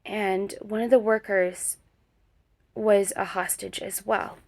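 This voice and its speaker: Slow and with little pitch movement, a medium-pitched woman recounts a dream vision in a vlog. Her story wanders, packed with fillers and restarts, and she brings up prayer in a religious way.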